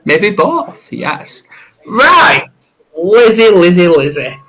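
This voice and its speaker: Slow, bright-voiced male co-host. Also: high voice, very animated, low-quality recording. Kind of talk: casual interview talk.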